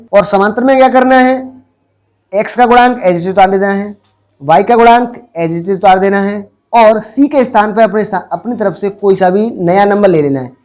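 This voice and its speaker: Teacher quizzing the class. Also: male voice, high-pitched, darkish tone. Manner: asks the class rhetorical questions and answers them. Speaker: maths teacher. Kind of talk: board lesson explaining step by step.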